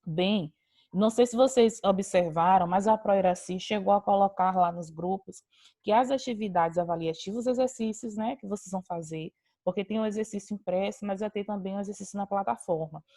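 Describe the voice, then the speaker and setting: A woman's voice: medium pitch, a little fast, dark tone, no echo. Woman teacher on a video call, patient step-by-step explainer, dry close sound. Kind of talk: online class lecture.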